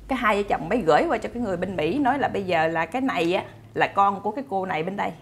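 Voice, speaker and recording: A woman's voice: medium pitch, lively intonation, racing, slight background noise. A woman retelling a story to her viewers in a chatty, casual way, full of fillers and repeated words. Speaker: storyteller host.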